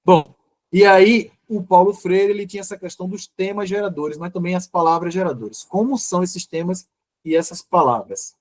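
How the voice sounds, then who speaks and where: A male teacher giving a live online lecture, explaining step by step with frequent restarts and pauses. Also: sits high, a little mellow, dry recording.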